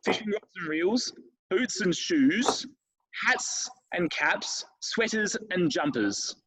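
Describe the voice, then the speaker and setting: High-voiced playful man hosting a quiz. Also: animated, slow, a bit bright, husky, rough recording. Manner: playful, teasing, reads questions aloud. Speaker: quiz host. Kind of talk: casual podcast quiz.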